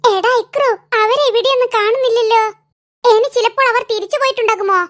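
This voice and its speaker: Woman doing a timid cartoon boy, squeaky high voice, bright, puzzled questions. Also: fairly quick, dry recording, clean studio sound. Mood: unsure. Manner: puzzled, wide-eyed questions. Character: timid, dim young cartoon boy sidekick.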